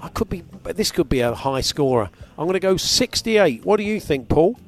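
A man's voice: fairly high pitch, lively intonation, normal speed. A man hosting a casual game with friends, calling out guesses and scores in a mock-dramatic bingo-caller manner. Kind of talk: casual radio game banter.

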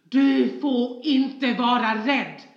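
A woman's voice: fairly high pitch, pitched above the performer's own voice, close to an everyday voice. A woman acting out her furious father bellowing commands at his frightened daughter. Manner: roaring, commanding. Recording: dull, echoey room sound.

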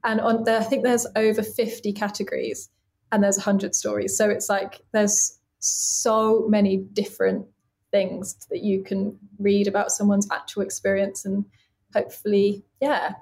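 A body casting artist in her late twenties appears as a guest in a casual interview, talking openly, earnestly and chattily with lots of "like" fillers. Her pitch is easy and unhurried for her age, with a darkish tone and little pitch movement.

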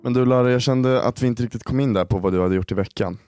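A man co-hosting a podcast, teasing and laughing often in casual chat. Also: mid-range voice. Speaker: podcast co-host.

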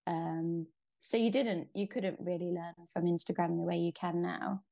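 A woman with a gravelly, creaky edge to her voice, chatting casually as an interview guest. She rambles and thinks aloud, with plenty of fillers and restarts. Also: lowish voice, little pitch movement, normal speed, dark tone. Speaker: interview guest, pole athlete. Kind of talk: casual conversation.

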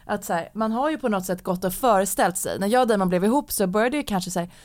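A woman in a casual podcast conversation, recounting events in an animated, filler-heavy way. Her voice sits at a middle pitch. The recording is dry and close, with no room sound. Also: no echo. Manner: lively, animated storytelling with many fillers. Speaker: guest telling her story.

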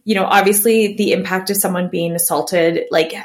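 A woman's voice: lowish voice, steady tone, normal speed. A woman co-hosting a casual chat podcast, blunt and sarcastic. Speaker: podcast co-host.

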